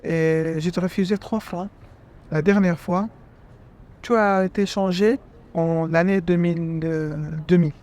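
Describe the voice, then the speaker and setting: A man from Jordan talking in an interview, sincere and halting, often restarting his sentences. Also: high-pitched, steady tone, darkish tone. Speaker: interview guest. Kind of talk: conversational interview.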